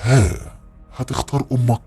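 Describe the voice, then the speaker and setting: A sinister male spirit, put on by a man, speaks in a dark, raspy, breathy voice. Each slow word comes as a cruel command or taunt, whispered close to the ear. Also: medium pitch, faint music behind, pitched below the performer's own voice.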